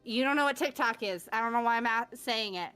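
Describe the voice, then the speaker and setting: A woman playing a tabletop game, chatting and narrating casually in an animated, rambling way. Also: fairly high pitch, brisk, faint music behind.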